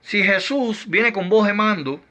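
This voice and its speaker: Man, Bible teacher, rhetorical questions, slow emphatic delivery, slightly high voice. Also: pushed and bright. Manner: argues through numbered rhetorical questions. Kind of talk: doctrinal Bible lesson.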